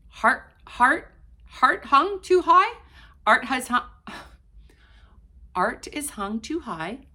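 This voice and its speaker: Talking to camera from her house, this vlogger, whose first language is Portuguese, has a low, sharp-toned voice. She's chatty and gives her viewers relaxed advice, speaking straight to them.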